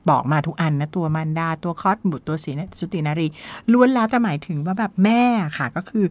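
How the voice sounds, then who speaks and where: Lowish woman host explaining slang, chatty, acts out quotes, dry close mic. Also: lively intonation, fairly quick, a little mellow, no room sound. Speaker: podcast host. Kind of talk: casual explainer talk.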